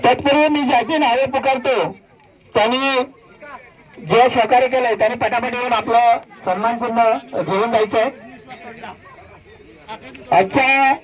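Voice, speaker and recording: Some chatter sits behind this lo-fi recording of a man with a very high voice. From Konkan, India, he serves as announcer at a village cricket prize ceremony, reading names singly in a formal, measured listing.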